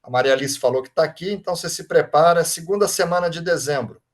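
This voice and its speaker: Speaking quickly in a fairly high voice, this man runs an online Reiki study group as its master, his Brazilian Portuguese accent clear. He reads chat comments aloud, thanks participants by name, and keeps things warm and casual with frequent tag questions like "right?".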